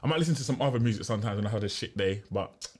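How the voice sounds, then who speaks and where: A man hosting a podcast who chats casually in a quick, slangy way. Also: on the low side, expressive, a little mellow, a little hiss or hum. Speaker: podcast host.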